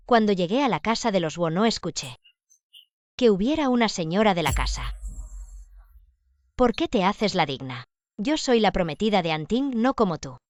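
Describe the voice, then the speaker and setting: Melodramatic young woman with animated pitch dub actress. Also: moderate pace, pauses often, no room sound, natural voice. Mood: scornful, heated. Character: proud, wounded young mother and rival fiancée, melodramatic. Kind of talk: dubbed melodrama acting.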